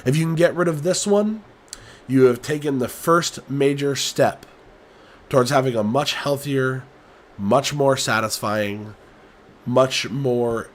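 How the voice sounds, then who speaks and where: A man hosting a livestream, nasal from a cold, talking in an emphatic, repetitive way with frequent ums. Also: medium pitch. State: has a cold. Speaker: livestream host. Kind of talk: casual spoken commentary.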